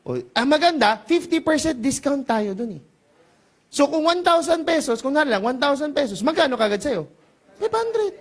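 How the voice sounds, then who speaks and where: A man giving a lively business seminar pitch before a live audience, playful and teasing, calling out to the crowd for answers. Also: normal speed. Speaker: seminar presenter.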